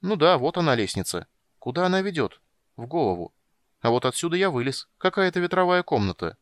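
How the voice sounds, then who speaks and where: A man reading an audiobook, voicing a small, curious, excitable male kender adventurer with eager, breathless wonder. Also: a little high, a little fast, no room sound, studio quality, voice pushed up. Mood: excited.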